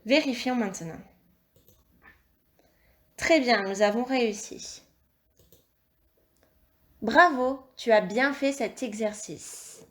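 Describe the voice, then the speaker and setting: A woman teacher with a slightly high voice leads a dictation for young children. She speaks slowly and lays out every syllable with care. Her instructions stay patient and encouraging throughout. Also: a bit bright. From France. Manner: slow, clear, articulated dictation with encouraging instructions. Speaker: primary school teacher.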